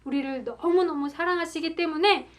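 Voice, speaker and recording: A woman preacher telling a Bible story to young children in a gentle, animated storytelling manner, acting out the crowd and asking the kids questions. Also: extremely high pitch, brisk.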